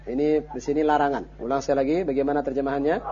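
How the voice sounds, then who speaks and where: A man's voice: medium pitch, little pitch movement, rapid-fire, dark tone. A man teaching Arabic live to phone-in callers, patiently correcting them and affirming with short replies. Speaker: Arabic teacher on a call-in program. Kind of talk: live call-in Arabic lesson. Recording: dull broadcast audio with faint hum.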